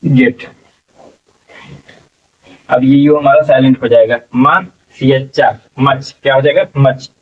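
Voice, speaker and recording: Slow and full of long pauses, a man's mid-range voice leads a slow English spelling lesson in Hindi. He spells words letter by letter, repeats them and asks the class what they become, recorded from afar with a tinny, phone-like sound.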